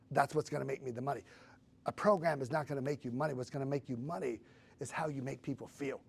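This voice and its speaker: A man in his fifties talks through a personal story with earnest feeling, often slipping in a casual "like." His voice is gravelly with a husky edge, pitched in a middling range. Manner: earnest and emotional, with casual "like" fillers. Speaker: guest sharing his story.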